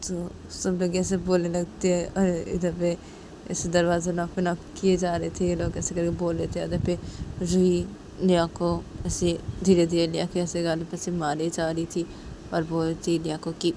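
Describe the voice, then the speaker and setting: A woman's voice: on the low side, completely flat delivery, moderate pace, background noise. A woman narrating a story in a plain, repetitive retelling style.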